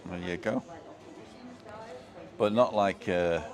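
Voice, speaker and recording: A man from Manchester, England, with a soft local accent hosts a casual live stream, reading viewers' comments and chatting with them. His voice is deep and his pace slow.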